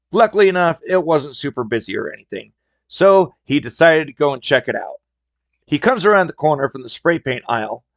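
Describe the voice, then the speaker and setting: A man in his thirties tells workplace stories in a wry, easygoing way. His voice is gravelly and a little strained from overuse. It sits at an ordinary pitch and sounds dry and close, with no room sound. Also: no room sound, dull audio. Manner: wry, conversational, acts out customer dialogue. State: voice strained from talking a lot. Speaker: podcast host telling retail stories. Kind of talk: casual storytelling monologue.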